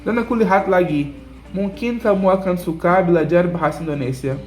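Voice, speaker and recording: This vlog host is a young Brazilian man speaking a learned second language, his Brazilian Portuguese accent clear as he tells a casual story in simple, repetitive phrases. He talks fairly quickly in a high-pitched, somewhat mellow voice, with faint music in the background.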